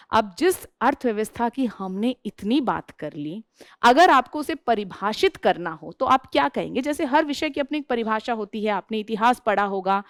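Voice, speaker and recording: A woman's voice: a little high, no echo, studio quality. A woman teacher giving a classroom lecture who keeps asking her class questions and then answering them herself.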